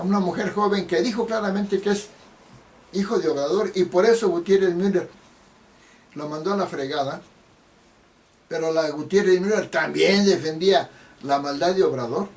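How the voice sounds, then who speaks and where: A man delivers a heated solo political rant in a high voice, accusatory and prone to restarting his sentences. He sits some distance from the microphone, and a faint hiss of background noise runs underneath. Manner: indignant, accusatory, with frequent restarts. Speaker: political commentator.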